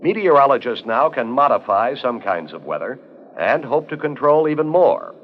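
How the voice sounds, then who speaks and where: With a mid-range, sing-song voice at normal speed, an American documentary narrator reads scripted lines for an educational film. It comes across as a dull 1970s 16mm soundtrack, music playing behind him.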